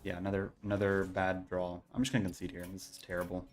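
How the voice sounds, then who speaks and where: A man giving casual, low-key gameplay commentary, thinking aloud as he plays. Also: little pitch movement, fast. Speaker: streamer playing a card game. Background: faint game music.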